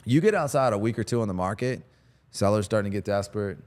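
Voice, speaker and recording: Male host, low-ish voice, upbeat and rambling, casual talk out on a golf course. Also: animated, fast talker, a little mellow. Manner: upbeat, laughs easily, rambling explanations. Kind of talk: casual chat.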